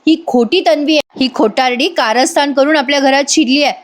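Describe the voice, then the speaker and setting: A woman's voice: high-pitched, a little fast, natural voice. A woman voicing a young man who firmly accuses a fraud. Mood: stern. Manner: firm, accusing.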